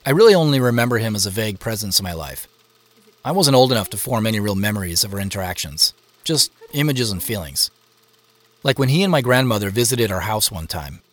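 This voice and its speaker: An actor voices a reflective, curious American man in his forties from Seattle, narrating a family mystery in scripted first person. His voice is lowish, animated and brisk.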